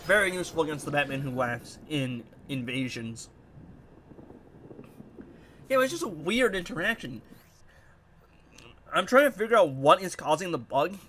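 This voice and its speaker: With a fairly high, nasal voice at a moderate pace, the young gaming YouTuber pauses often while casually commenting on his gameplay. He seems animated, puzzled and rambling, and there's a little hiss or hum.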